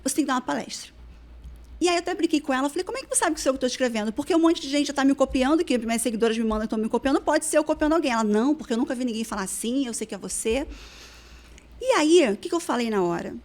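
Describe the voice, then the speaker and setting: A woman's voice: high-pitched, very fast. A woman, a weight-loss therapist telling stories as a podcast guest and acting out past conversations. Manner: animated, acts out dialogue from her past. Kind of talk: casual storytelling in a podcast interview.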